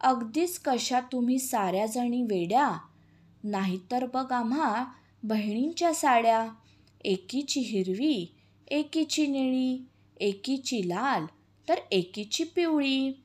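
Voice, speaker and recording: A woman's voice: fairly high pitch, lively intonation, slow, a little mellow. A woman reading a children's poem, voicing a proud, showy female candle who boasts and scoffs in a storybook voice. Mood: boastful.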